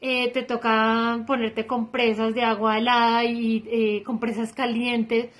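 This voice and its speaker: A woman's voice: on the high side, level tone, slow. A young woman from Bogotá with a Colombian Spanish accent tells her story as a patient to a phone camera at home, earnest and emphatic, often restarting her words. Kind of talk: personal testimonial to camera. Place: indoor room at home.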